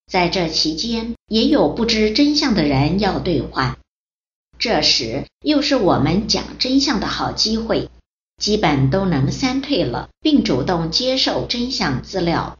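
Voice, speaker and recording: A woman reads a first-person account aloud at a slow, unhurried pace, her lowish voice rising and falling widely. The recording sounds roomy and echoey, with a dull, lo-fi tone. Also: big pitch swings. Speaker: reader of a personal testimony.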